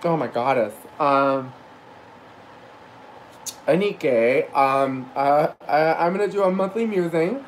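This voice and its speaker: A young man talks to camera in a loose, meandering vlog monologue, hopping between asides and filler words. His voice sits at an everyday middle pitch, and faint background noise is audible. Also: low-quality recording. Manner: rambling, chatty, full of fillers and asides. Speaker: aspiring actor and rideshare driver vlogging.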